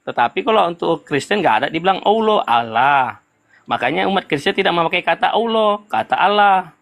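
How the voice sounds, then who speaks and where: A man's voice: high voice, lively intonation, fast talker, vocal fry, fairly bright tone. A man insistently defending his point in a heated religious debate, repeating himself. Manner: insistent, repetitive.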